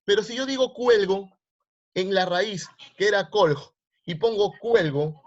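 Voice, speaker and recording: Teaching grammar in an online class, this man keeps asking his students the same questions to quiz them. His voice sits high, with lively intonation and an unhurried pace. The lo-fi sound comes through a video call microphone.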